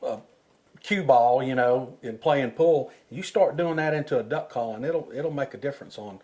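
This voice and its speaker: A man's voice: medium pitch, moderate pace, a little mellow. A man working as an instructor, explaining technique informally, step by step and with examples. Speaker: duck-calling instructor.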